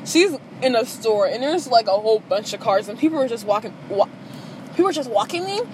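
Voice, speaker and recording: A woman's voice: a little high, expressive, brisk, a little mellow, slight background noise, low-quality recording. A teenage girl vlogging from a parked car, chatty and self-deprecating, with lots of fillers. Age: teens. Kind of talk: rambling casual vlog chat. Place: parked car in a public lot. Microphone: phone.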